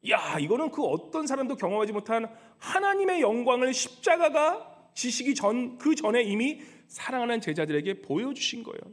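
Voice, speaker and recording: A male pastor delivering a sermon in a church, animated, swinging from loud rebukes to hushed lows. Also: normal speed, hardly any pauses. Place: church sanctuary.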